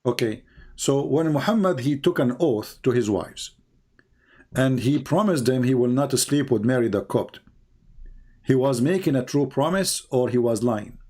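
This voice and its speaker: A man hosts a live call-in debate, pressing his caller and repeating each question until he gets an answer. His voice sits at an ordinary middle pitch. He often cuts in on the other speaker. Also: expressive, moderate pace, a little mellow.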